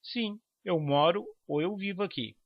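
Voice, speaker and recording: A man teaching English to beginners in a slow, deliberate lesson narration, repeating each example phrase. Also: sits high, no room sound. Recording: dry, dull lo-fi voice-over.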